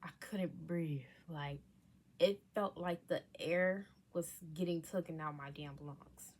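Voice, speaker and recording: A woman's voice: sits low, fairly even intonation, slow, a little mellow. A young woman casually telling a personal story, candid and profane, dropping into whispers for asides. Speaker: vlogger telling her surgery story.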